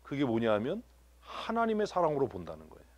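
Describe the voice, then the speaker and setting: A man's voice: mid-range voice, wildly swooping pitch, fast talker, a little mellow, dry recording. A man preaching a sermon in a church, joking with the congregation and asking them questions. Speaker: pastor. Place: church sanctuary.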